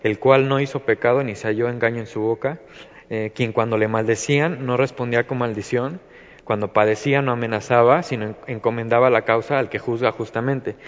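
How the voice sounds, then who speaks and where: A man with a Mexican accent leads an informal Bible study, his speech looping through fillers and restarts. His voice sits at an ordinary pitch. The recording is muffled and carries a long, hall-like reverb. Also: fairly even intonation, fairly quick. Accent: Mexican Spanish. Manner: rambling, many fillers and restarts. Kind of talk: informal devotional talk.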